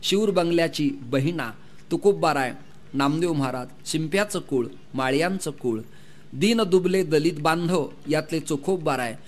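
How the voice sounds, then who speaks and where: A man's voice: a little high, moderate pace. A man preaching a devotional kirtan sermon to a gathering, emphatic, firing rhetorical questions and long lists, speaking into a mic with faint devotional music behind. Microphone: mic through a sound system.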